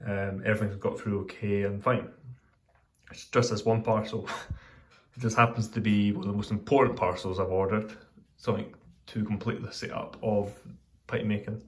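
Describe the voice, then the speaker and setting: A man with a fairly low voice gives a casual hobby vlog update. He talks in a meandering, hesitant way, often stopping to correct himself partway through a sentence. The delivery is unscripted and conversational. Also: little pitch movement, normal speed. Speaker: hobbyist vlogger giving updates.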